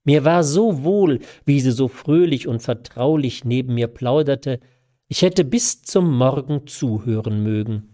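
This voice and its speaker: Mellow-voiced man reading a novella aloud. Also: medium pitch, animated. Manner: unhurried storytelling, chatty asides. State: scratchy throat. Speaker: reader of a novella. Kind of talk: live sight-reading of classic prose.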